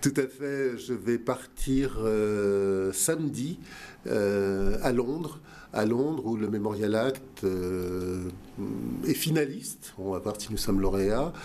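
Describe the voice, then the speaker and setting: A man with a fairly low, dark voice speaks slowly as a guest on a radio talk show, with slight background noise. He's a museum director being interviewed, talking earnestly with many fillers and restarts.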